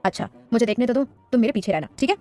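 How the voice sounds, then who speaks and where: A woman's voice: fairly high pitch, lively intonation, rapid-fire, dark tone, soft background music. A woman voicing a stern, irritable young husband who speaks curtly and grumbles. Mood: irritated. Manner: curt, grumbling.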